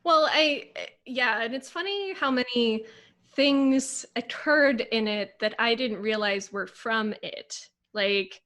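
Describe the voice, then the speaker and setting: A young adult woman co-hosting a podcast in casual chat, chatty and quick to laugh. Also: a little high, a bit bright. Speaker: podcast co-host.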